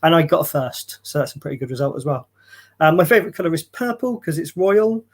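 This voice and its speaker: A man's voice: on the high side, expressive, quick pace. A man in his forties giving a casual self-introduction as a students' union activities coordinator, with many ums and uhs. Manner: chatty, with frequent ums and uhs.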